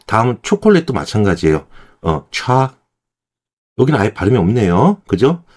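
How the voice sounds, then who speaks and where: Male Korean pronunciation teacher, low and expressive, patient and step by step. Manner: demonstrates words slowly, then repeats them. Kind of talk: explanatory lesson.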